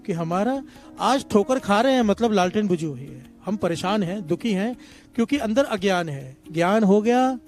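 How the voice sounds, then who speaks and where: High-voiced male preacher. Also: animated, moderate pace, darkish tone, soft background music. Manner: repeats a call-and-response refrain to the congregation; calls himself a humble servant and tells simple parables. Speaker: satsang preacher. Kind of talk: devotional sermon with storytelling.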